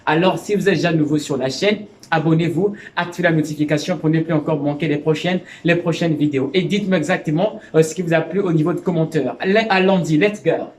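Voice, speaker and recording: A man teaching English in a video lesson, repeating phrases and slowing down for his English examples, with stammers and restarts. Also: a little high, roomy sound.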